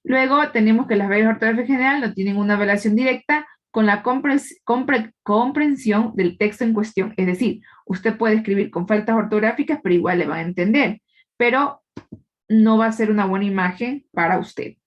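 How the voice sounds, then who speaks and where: A woman's voice: fairly high pitch, moderate pace, lo-fi sound. A woman teacher giving a live class, explaining patiently and quizzing her students, with frequent tag questions. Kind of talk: live online class lecture.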